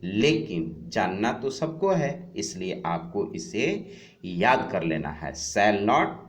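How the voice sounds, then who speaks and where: A man teaching a grammar lesson to children, drilling word pairs slowly and repeating key points as he speaks straight to his pupils. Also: deep voice, very animated. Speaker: English teacher. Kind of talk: classroom-style grammar lesson.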